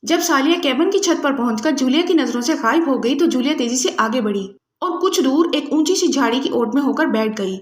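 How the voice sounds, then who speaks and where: A woman narrating a spy novel in a steady, dramatic reading. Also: sits high, few pauses, roomy sound. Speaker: audiobook narrator.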